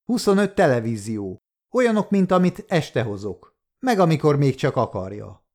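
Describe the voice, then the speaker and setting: Blunt, cagey small-time thief pitching stolen goods, lively pitch, man reading.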